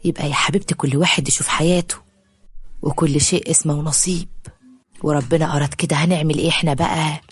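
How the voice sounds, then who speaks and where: A woman's voice: sits low, steady tone, fast talker, slightly rough. A woman voicing a persuasive middle-aged mother with a coaxing manner and an Egyptian Arabic accent. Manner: coaxing, affectionate.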